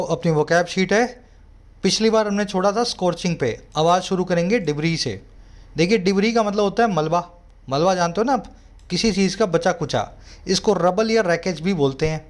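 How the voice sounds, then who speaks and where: A man with an Indian accent teaching English vocabulary, explaining each word slowly and reading example sentences in a measured way. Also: sits high. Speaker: English tutor. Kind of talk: vocabulary lesson.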